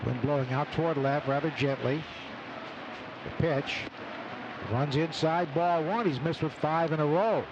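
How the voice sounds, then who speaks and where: On a live radio baseball broadcast from a noisy outdoor ballpark, a man calls play-by-play in clipped short phrases over steady crowd noise. His voice is a little high and unhurried, and the recording sounds muffled.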